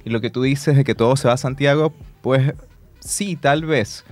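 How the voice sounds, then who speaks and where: A man's voice: mid-range voice, normal speed, darkish tone. Young man explaining hair care. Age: 20s. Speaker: hair salon owner. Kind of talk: radio interview.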